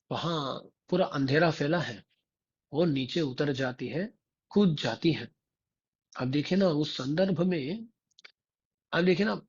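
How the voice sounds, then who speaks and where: A man, a Vaishnava religious teacher, tells a devotional story in a slow, repetitive way and keeps turning to his listeners with rhetorical prompts. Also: a little high, darkish tone, lo-fi sound.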